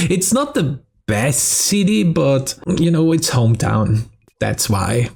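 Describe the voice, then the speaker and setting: This is a casual Q&A vlog in which a young South Tyrolean streamer from Italy, with a German accent, fields fan questions, laughing and cursing between replies. He has a medium-pitched, gravelly, slightly mellow voice.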